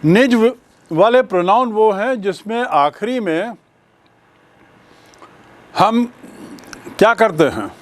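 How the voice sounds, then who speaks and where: Male grammar teacher, slightly high voice, very slow and deliberate, spells words out. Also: expressive. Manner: slow, deliberate explaining with spelled-out letters and examples. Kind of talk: bilingual classroom lecture.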